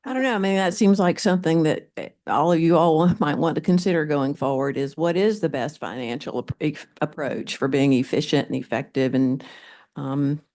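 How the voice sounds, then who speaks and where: Board member, mid-pitched voice, halting, restarts questions, public meeting. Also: a little mellow.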